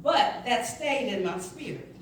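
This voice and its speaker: A woman's voice: a little high, expressive, unhurried, a crowd in the background. Woman giving a testimony in an echoey church. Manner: storytelling, quoting others in dialogue. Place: church sanctuary. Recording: echoey church hall from far off.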